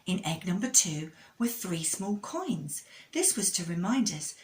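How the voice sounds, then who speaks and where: A woman speaking as a kids show host, telling a children's story with a religious lesson in an expressive way and addressing young listeners directly. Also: fairly low pitch, a little slow.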